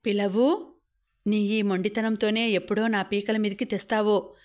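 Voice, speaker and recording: A woman's voice: medium pitch, fairly even intonation, normal speed, a little mellow, lightly acted. A woman voicing an ailing elderly mother who scolds and sighs with weary complaint in an audiobook novel reading. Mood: scolding.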